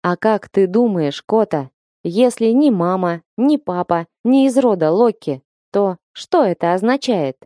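A woman voicing a menacing, muscular blue-eyed man who speaks gruffly and scornfully. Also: medium pitch, expressive, unhurried, dark tone, no echo, clean studio sound, close to an everyday voice. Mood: cold.

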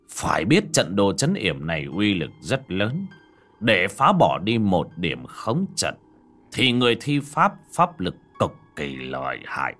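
An old Taoist master in a fantasy audiobook, acted by a male narrator. He speaks very slowly and low, with composed gravity. Every phrase is measured and weighty, over faint background music. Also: a bit bright, exaggerated voice. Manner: slow, measured, sighing, weighty. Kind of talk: audiobook character acting.

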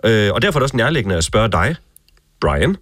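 Stammery awkward interviewer, lively intonation, dry sound. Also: male voice, lowish voice, no room sound. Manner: hesitant, stammering, politely probing. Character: earnest, awkward male talk-show interviewer. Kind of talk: comedy sketch acting.

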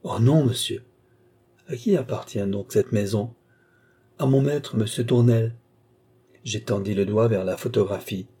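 A man reading the lines of an old female housekeeper in a storybook, giving short, dry replies in a dark, husky voice. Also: fairly low pitch, measured pace, pauses often.

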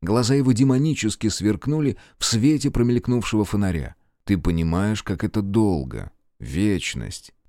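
A man voicing a courteous, demonic gentleman who speaks slowly and solemnly in an audiobook. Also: fairly low pitch, animated, dry recording, clean studio sound, natural voice. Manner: slow and solemn. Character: suave demonic male seducer, courteous and solemn.

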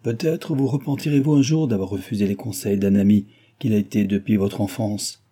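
A man's voice: fairly low pitch, a little fast, warm tone, slightly rough. A man reading aloud, voicing a grave older family friend who warns and admonishes. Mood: admonishing.

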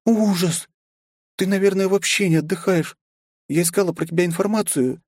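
Guy putting on a high firm young noble lady, bossy but kind, audiobook voice, dry close mic. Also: normal speed, darkish tone, no echo. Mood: earnest. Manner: high falsetto, firm and imperious. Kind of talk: audiobook character voice.

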